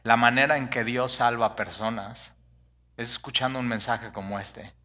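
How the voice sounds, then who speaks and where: Pastor guy preaching, bright forceful voice, chatty and animated. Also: mid-range voice, normal speed. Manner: animated, conversational preaching with rhetorical questions. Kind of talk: sermon.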